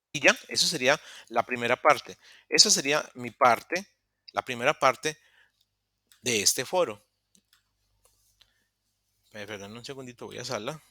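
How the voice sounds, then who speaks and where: A man teaching an English lesson online, explaining step by step with pauses and self-corrections. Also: mid-range voice, bright, forceful tone, dry recording, studio quality. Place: online meeting room.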